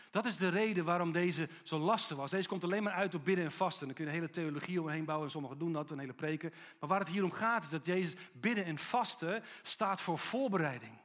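A man preaching a sermon with animated storytelling, acting out the people he quotes. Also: fairly high pitch.

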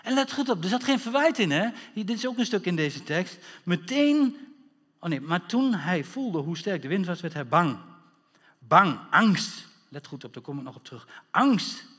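A man preaching a sermon, animated, full of rhetorical questions and bursts of shouting. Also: high-pitched, normal speed. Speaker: pastor. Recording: long hall reverb.

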